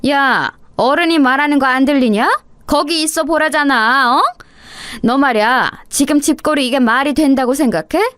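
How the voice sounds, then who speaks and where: A woman voicing a harsh, coarse older mother-in-law who berates and shouts. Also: sits high, moderate pace, no echo, voice pushed up. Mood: scolding.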